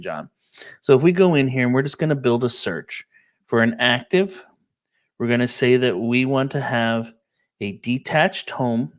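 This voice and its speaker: A man, a real estate agent, giving a casual live-stream walkthrough of listings and answering viewer questions, checking in often with "okay?". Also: medium pitch. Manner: casual, explanatory, many "um" and "okay?" check-ins.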